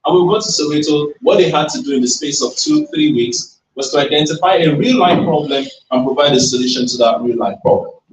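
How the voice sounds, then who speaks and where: Heard from far away in a spacious event hall, a man with a fairly high, animated voice speaks fairly quickly over background noise. His talk at a tech event is emphatic and motivational, and he draws listeners in with call-and-response questions.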